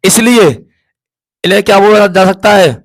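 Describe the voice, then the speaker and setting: A man's voice: sits high, steady tone, moderate pace. A man teaching a class, sounding out vowels again and again and asking questions that he then answers himself. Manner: repeats sounds aloud, asks and answers his own questions. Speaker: Hindi teacher. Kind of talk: classroom lesson at a board.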